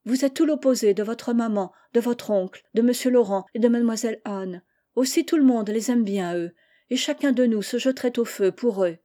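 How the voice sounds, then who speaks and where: A woman's voice: fairly high pitch, fairly quick, warm tone, natural voice. Woman voicing a blunt peasant bride. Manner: blunt, outspoken country talk. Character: frank, spirited peasant bride at a village wedding.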